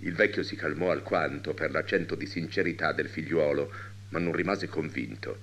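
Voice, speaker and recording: A man's voice: extremely low pitch, normal speed, a bit bright, a little hiss or hum. A man reading a literary short story aloud with dramatic expression. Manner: dramatic, wide-ranging delivery. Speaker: reader.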